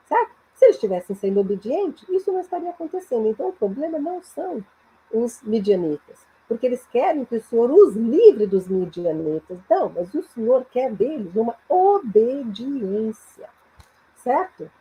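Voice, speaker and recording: A Brazilian woman teaching English through Bible passages, explaining slowly and repeating phrases in both languages, checking in with "né?" and "certo?". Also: fairly high pitch, big pitch swings, mellow, breathy edge, rough recording. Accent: Brazilian Portuguese. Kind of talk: bilingual Bible-based English lesson.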